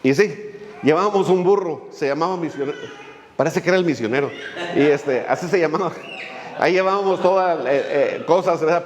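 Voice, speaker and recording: A man's voice: a little high, long reverb tail, slight background noise. A male pastor, preaching a sermon in a folksy way, with many fillers and little jokes as he tells a story.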